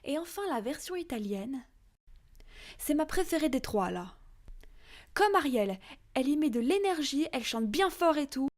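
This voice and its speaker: A woman's voice: high voice, big pitch swings, normal speed, pauses often, a little mellow. A woman giving frank, chatty opinions in a casual vlog, with many fillers. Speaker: video creator.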